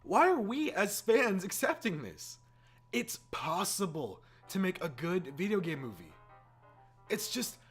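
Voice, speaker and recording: A YouTube host delivers a casual, exasperated opinion rant, repeating words to drive his point home. His voice sits high and sounds a bit bright, with background music playing underneath.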